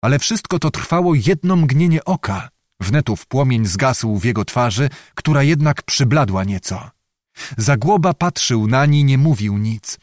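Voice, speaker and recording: Man reading an audiobook, lively pitch, fairly high, very dry sound. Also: measured pace, dry recording. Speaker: narrator. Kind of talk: audiobook narration.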